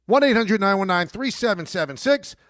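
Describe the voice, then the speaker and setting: A man's voice: sits high, expressive, fairly quick, a bit bright, dry recording, clean studio sound. A middle-aged man hosting a sports talk radio show, emphatic and argumentative, repeating his points.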